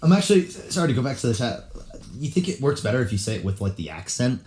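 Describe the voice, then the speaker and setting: A man's voice: mid-range voice, very animated, fast talker, a little mellow. A young man from California co-hosts a podcast in a loose, easygoing chat. He jokes around and fills his talk with "like" and "you know". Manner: loose, jokey, full of fillers. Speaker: podcast co-host. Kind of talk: casual chat.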